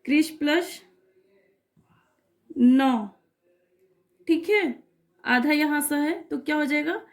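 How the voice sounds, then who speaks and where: A woman teacher with a high voice patiently leads a slow-paced grammar lesson. As she goes through each example, she keeps making sure students follow, repeating checks such as "clear?" and "okay."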